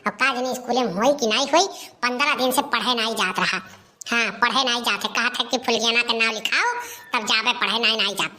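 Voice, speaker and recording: Playing a hot-tempered village mother in a comic cartoon, a woman rants, complains and curses like someone exhausted by chores and a wayward child. Her high, piercingly sharp voice carries an Awadhi accent, brisk and grumbling.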